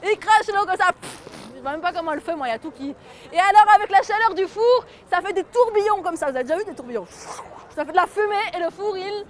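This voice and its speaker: A woman's voice: very high voice, a little hiss or hum. A woman storyteller telling a folk tale to children and getting them to join in. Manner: lively, gets the audience to join in.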